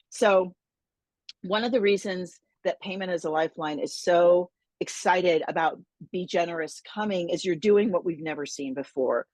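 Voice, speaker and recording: A woman's voice: low-pitched, darkish tone, no echo. A woman hosting an interview, enthusiastic, often repeating words as she restarts her sentences. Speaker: host, interviewer. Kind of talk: friendly interview chat.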